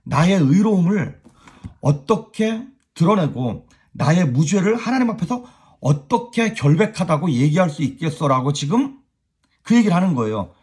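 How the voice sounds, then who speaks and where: Male pastor, casual devotional talk, raspy and animated, with a very lively melody. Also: on the high side, normal speed. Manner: animated, chuckles, speaks straight to viewers.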